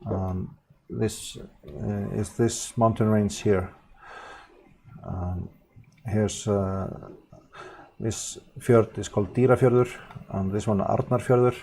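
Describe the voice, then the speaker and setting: An Icelandic man chatting casually on a live stream as he paints, halting and correcting himself often, with frequent small chuckles. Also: fairly low pitch, fairly even intonation, vocal fry, a little mellow, slight background noise. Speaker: livestreaming painter.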